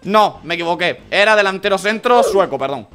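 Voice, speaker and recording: An excitable man with a Spain Spanish accent narrates a video game pack opening, shouting at every reveal. His voice sits very high and sounds sharp and bright, with pitch that jumps all over. Faint game music plays behind him. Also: clear, resonant tone. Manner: excitable, yelling at reveals, fast chatter to viewers. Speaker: gaming video creator. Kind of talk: pack-opening gameplay commentary.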